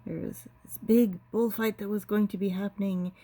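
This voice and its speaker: A woman telling a family story from her childhood in a relaxed, rambling way, stringing events together with lots of "and"s. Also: mid-range voice, moderate pace.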